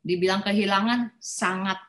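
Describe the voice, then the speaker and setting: A middle-aged woman telling a personal church testimony in an animated way, acting out quoted voices and calling her listeners brothers and sisters. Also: mid-range voice, normal speed. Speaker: speaker sharing a personal testimony.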